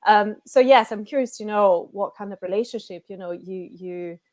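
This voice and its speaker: A woman's voice: medium pitch, moderate pace, a little mellow. A woman hosting an interview, asking long, curious questions with small hesitations. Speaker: interview host.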